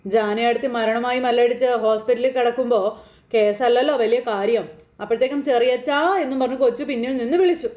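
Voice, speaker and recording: A woman's voice: on the high side, steady tone, fast talker, darkish tone. A woman casually retelling a TV serial episode in a chatty way, adding tag fillers and repeating what the characters said. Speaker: recap narrator of a TV serial. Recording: roomy echo.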